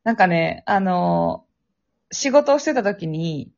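A young podcast co-host with a Kansai accent tells a spooky story in a casual, chatty way, laughing often and acting out phone voices. Her low-leaning voice is creaky and a little mellow, with lively intonation, and she takes her time. The phone-app recording sounds dull and lo-fi.

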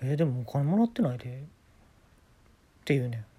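A young man speaks with a Kansai lilt, spinning absurd tales in a casual talk-show monologue. His delivery stays deadpan, broken by sudden leaps upward in pitch. His voice sits in a middling register. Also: a little fast, breathy edge. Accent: Kansai Japanese.

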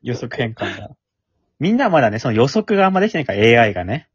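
Guy mumbling fast in a casual podcast chat, kinda husky, dull dry lo-fi sound. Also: mid-range voice, very animated, dry recording. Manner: talks fast, jokey and defensive. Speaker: podcast co-host.

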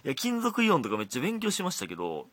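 A man in his thirties with a Kansai accent and a slightly hoarse throat, chatting casually alone as a podcast host reading listener letters, laughing often and dropping to mutters. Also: on the high side, huge pitch swings, very fast, fairly bright tone, no echo. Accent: Kansai Japanese. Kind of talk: casual solo chat.

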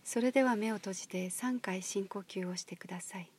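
A woman leading a guided meditation, talking in a soft, slow, breathy near-whisper. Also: mid-range voice, a little hiss or hum. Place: outdoors at a highland marsh.

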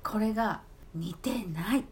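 A woman's voice: medium pitch, animated, slow. A woman talking casually on her own, chatty and laughing, with many fillers and asides. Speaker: talk app streamer. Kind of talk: casual monologue.

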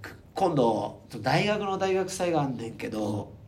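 A man from Hokkaido who hosts a dance studio podcast, telling stories casually in an animated way, laughing and acting out the quotes. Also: mid-range voice, normal speed, slight background noise. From Hokkaido, Japan.

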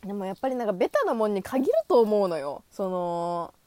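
Lively young woman chatting solo. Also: brisk, dry recording. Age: 20s. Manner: animated, high-energy, acts out imagined dialogue; self-deprecating, giggly. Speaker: solo talk podcaster. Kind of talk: casual solo monologue.

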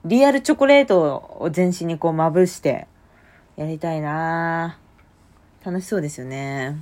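Young woman rambling on her own podcast late at night, chatty, gets loud easily. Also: deep voice, normal speed. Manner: lively, chatty, jumps to loud bursts. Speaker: podcast host. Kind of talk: casual solo podcast talk. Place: home at night.

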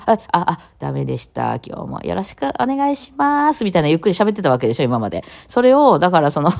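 A radio talk host from Kawachi, Osaka, Japan, speaks in the Kawachi Osaka dialect with a low, gravelly, darkish voice. Chatting casually on her own, she goes rapid-fire, piling on one topic after another.

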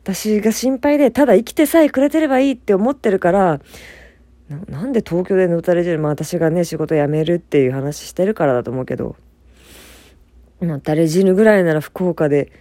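A woman's voice: fairly low pitch, fairly quick, dark tone, dry recording. A young woman from Fukuoka hosting a casual solo talk, chatty and self-deprecating, laughing often as she speaks. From Fukuoka, Japan. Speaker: podcast host.

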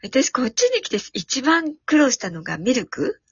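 A woman's voice: high-pitched, huge pitch swings, normal speed. A woman in a casual chat, giving short, friendly explanations and interjections. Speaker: guest. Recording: dry, dull lo-fi audio.

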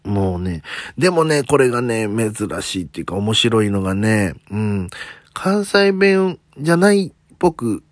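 This clean, dry studio recording has no room sound and features an Osaka comedian on his own talk podcast. His rather low, sing-song voice moves unhurriedly through casual chat in slightly Tokyo-leaning standard Japanese with faint Kansai traces. He pokes fun at himself, drops frequent "un" fillers, and makes joking asides.

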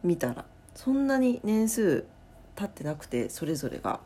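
A woman hosting her own late-night talk show from home, rambling and thinking aloud with many pauses. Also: mid-range voice, sing-song, mellow, husky. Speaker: podcast host. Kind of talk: casual late-night solo chat.

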